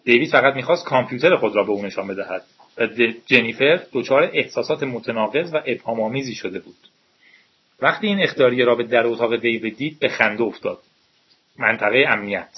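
Husky man reading a novel aloud. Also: mid-range voice. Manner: steady, measured storytelling. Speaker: audiobook narrator. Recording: dull lo-fi recording.

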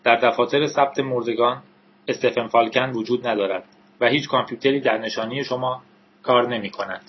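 A man voicing a cold flat computer. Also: mid-range voice, husky, highs cut off, natural voice. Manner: flat, measured, literal. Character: cold calculating military computer.

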